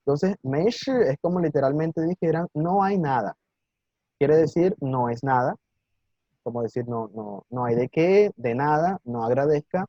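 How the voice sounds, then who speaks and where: A patient, encouraging man leads a live online Mandarin lesson, pausing often to check that his students follow along. His voice is dark and mellow, with a fairly high pitch for a man. It comes through as dry, dull call audio with no room sound. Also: lively intonation, dry recording. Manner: patient, encouraging, explains slowly with many "¿sí?" checks; sounds out Mandarin words slowly and clearly. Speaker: Mandarin teacher. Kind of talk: live online language class.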